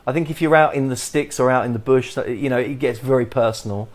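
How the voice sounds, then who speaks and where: A man with an English accent hosting a podcast interview, talking haltingly with many restarts. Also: mid-range voice. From England. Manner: halting, many restarts and fillers, chuckles often. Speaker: podcast host.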